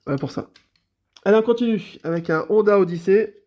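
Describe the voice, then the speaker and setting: In a muffled recording, a high-voiced man speaking a little fast shows his toy cars in a casual vlog. He's got a cold and a blocked nose, and his easygoing talk is packed with hesitations and recurring filler words.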